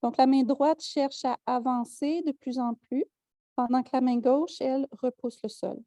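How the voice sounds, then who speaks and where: Woman, Quebec French accent, yoga teacher, calm guiding cues, light humor, high voice. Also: measured pace, no room sound. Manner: calm step-by-step cueing with light joking asides. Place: yoga studio.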